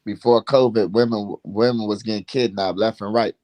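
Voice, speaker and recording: A man's voice: fairly low pitch, steady tone, moderate pace, a little mellow, no echo. A man hosting a livestream, chatting and telling stories casually in slangy, profanity-laced street talk. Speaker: livestream host. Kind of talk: casual livestream chat and storytelling.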